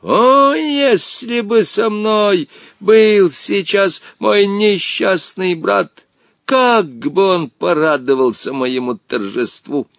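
A man voicing a vengeful ancient male genie who speaks pompously in slow, drawn-out phrases. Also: sits high, creaky, a bit bright, dry recording, studio quality, pitched above the performer's own voice, full character voice. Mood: lamenting.

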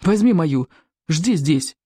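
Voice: medium pitch, animated, slow, dark tone, husky, no room sound, studio quality. A reader doing a frantic young Viking boy. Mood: snappish.

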